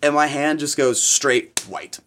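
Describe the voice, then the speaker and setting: A man's voice: a little high, unhurried, a bit bright, slight background noise. A young man, a chef as guest, telling kitchen stories in a rambling, profane way with lots of fillers. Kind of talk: casual storytelling.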